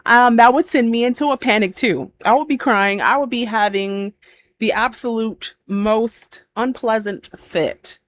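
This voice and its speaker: A woman's voice: on the high side, unhurried, no echo. A woman hosting a reaction video, chatting casually, exclaiming and laughing often as she reacts.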